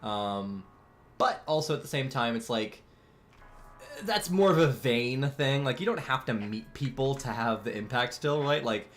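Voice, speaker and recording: With a medium-pitched, slightly bright voice, lively intonation and a measured pace, a man in his twenties makes casual conversation on a live art stream as he draws. He rambles, chuckles often and keeps restarting between fillers, and faint music can be heard behind him.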